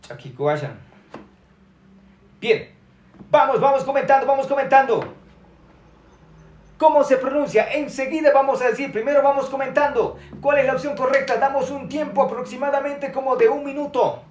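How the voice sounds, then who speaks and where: A man's voice: extremely high pitch, normal speed, pauses often, darkish tone, reverberant. A man teaching Quechua on a live stream, chatty and upbeat, reading out viewer comments and repeating words.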